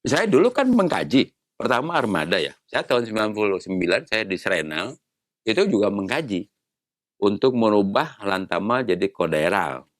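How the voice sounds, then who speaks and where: A man's voice: fairly low pitch, sing-song, moderate pace, no room sound. A man in his sixties, a retired navy admiral, explaining patiently in a casual interview and posing rhetorical questions. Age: 60s.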